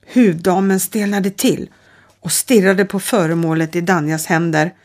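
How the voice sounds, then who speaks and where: A middle-aged woman reading a children's audiobook with steady, calm storytelling. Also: fairly low pitch. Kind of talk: audiobook narration.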